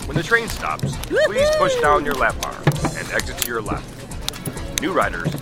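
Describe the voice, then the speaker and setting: An actor playing an upbeat theme park announcer, giving a showy scripted ride spiel. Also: male voice, medium pitch, wildly swooping pitch, a little slow. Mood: upbeat, official. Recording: loud music behind the voice.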